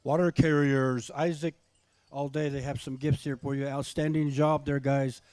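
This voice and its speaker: A middle-aged or older man working as a powwow emcee, calling names and making announcements in a folksy, unhurried way, often repeating himself. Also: medium pitch, flat delivery, a little mellow, no echo. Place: live microphone at a powwow event.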